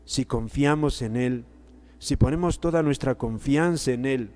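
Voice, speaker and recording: A male priest giving a sermon, preaching slowly and emphatically, repeating key words with pauses between phrases. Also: mid-range voice, a little mellow. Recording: long hall reverb.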